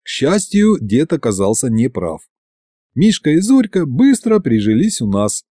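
Lively male audiobook narrator. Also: mid-range voice, measured pace, no room sound, studio quality. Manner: lively, chatty storytelling.

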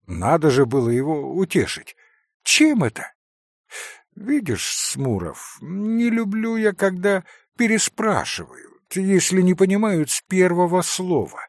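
A man voicing a cocky, sharp-tongued schoolboy who talks in a brisk, lecturing way. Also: high voice, very animated, no room sound, clean studio sound, pitched above the performer's own voice, exaggerated voice.

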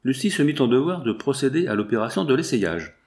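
A man's voice: medium pitch, very animated, a little fast, darkish tone. A man narrating a classic novel as an audiobook, reading expressively. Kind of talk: scripted narration.

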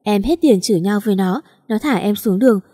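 A woman's voice: medium pitch, animated, a little fast, dark tone, dry recording, clean studio sound, close to an everyday voice. Woman voicing an impulsive chatty younger sister.

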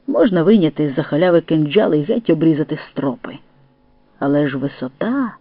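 A man reading a first-person story aloud as an audiobook narrator, in a steady storytelling manner. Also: on the high side, no echo. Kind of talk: scripted narration. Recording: tinny phone-like dry sound.

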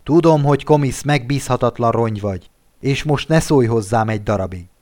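A man voicing a cold, arrogant young charmer who speaks in a flat, contemptuous way in a storybook reading. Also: medium pitch, lightly acted. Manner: phlegmatic, contemptuous.

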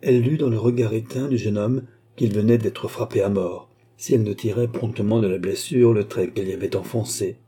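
A man reading a classic novel aloud as an audiobook narrator, in a measured, unhurried way. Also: lowish voice, fairly even intonation, mellow, breathy edge.

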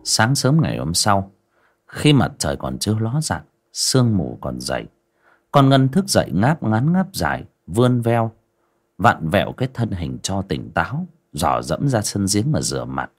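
A man narrating a horror story in a dramatic, expressive storytelling manner. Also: fairly low pitch, moderate pace, slightly rough.

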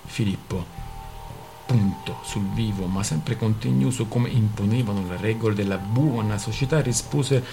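A man's voice: on the low side, moderate pace, gravelly, music in the background. A man reading a novel aloud on a radio show in a storytelling manner. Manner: storytelling, acting out characters. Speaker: reader.

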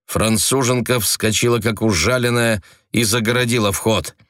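A man's voice: fairly low pitch, steady tone, normal speed, a bit bright, no echo. Man narrating an audiobook in a dry booth.

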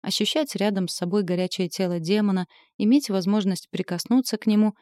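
A woman narrating a first-person fantasy novel in an expressive audiobook reading. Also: medium pitch, brisk, no echo, clean studio sound.

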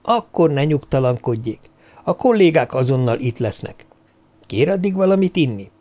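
A man voicing a composed, polite woman doctor in an audiobook, speaking in a persuasive, measured way. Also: medium pitch, very animated, darkish tone. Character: calm, poised woman doctor. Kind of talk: audiobook character voice.

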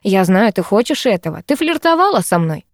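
A woman reading an audiobook, voicing a drunk, pushy young man in a low, coaxing, slurred murmur. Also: sing-song, brisk, dry recording, clean studio sound. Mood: drunk leering.

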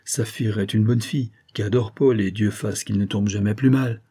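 A man voicing a calm, persuasive gentleman baron. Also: lowish voice, normal speed, slightly rough. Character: genial, loyal gentleman confidant, a baron. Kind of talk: audiobook character reading.

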